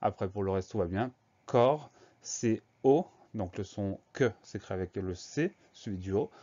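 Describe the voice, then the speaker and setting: Slow, deliberate teacher, man. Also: deep voice, dark tone. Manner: slow, deliberate spelling out of letters. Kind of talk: spelling lesson. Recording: slightly dull lo-fi sound.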